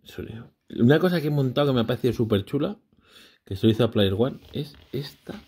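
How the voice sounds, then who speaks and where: A man's voice: medium pitch, lively intonation, quick pace, mellow, slightly rough. A man, casually vlogging a brick build with his child, chatty and often unsure as he corrects himself.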